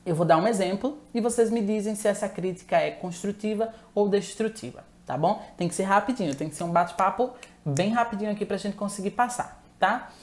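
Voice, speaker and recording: A woman's voice: medium pitch, fairly quick, a little mellow. A woman giving a chatty live-streamed talk on relationships, asking viewers to answer and often correcting herself mid-sentence.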